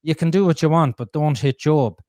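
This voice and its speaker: A man's voice: fairly high pitch, normal speed, darkish tone, no room sound, studio quality, lightly acted. A man voicing God as a stern male figure, quoted offhand in his own voice. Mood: insistent.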